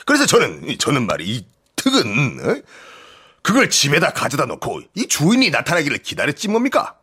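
A man's voice: fairly high pitch, wildly swooping pitch, normal speed, bright, forceful tone, slightly rough, exaggerated voice. An actor playing a sly, scheming male servant in a radio drama reading, wheedling and theatrical. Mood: pleading. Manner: cunning, fawning, theatrical pleading.

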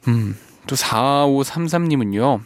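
A man hosting a radio show in a studio, reading listener messages and reflecting on them in a soft, gentle way that often trails off quietly. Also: mid-range voice, lively intonation, unhurried, no echo. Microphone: studio microphone.

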